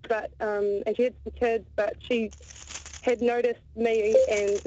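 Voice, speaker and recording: A woman's voice: a little high, little pitch movement, unhurried, warm tone, highs cut off, a little hiss or hum. A woman with a New Zealand accent calling a radio show, telling a story with hesitant ums. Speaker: radio caller. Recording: caller audio on a radio broadcast.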